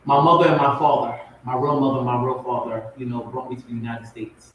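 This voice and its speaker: Fast and flat in delivery, this man's medium-pitched voice comes across dull, very echoey and far from the mic amid some noise. He's a talk show guest and spoken word poet, raised between Compton, California and Portmore, Jamaica, offering informal personal testimony and leaning on repeated phrases for emphasis.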